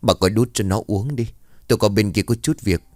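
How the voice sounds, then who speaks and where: A man voicing a stern, short-tempered older father who talks loudly and snaps. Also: fairly low pitch, a little fast, no room sound, studio quality, natural voice. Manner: loud, snapping.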